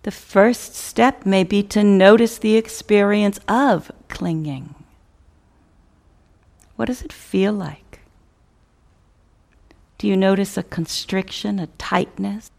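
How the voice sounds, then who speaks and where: Leading a meditation, this woman speaks slowly and thoughtfully in a gravelly mid-range voice. Short phrases come separated by pauses, each one trailing gently away.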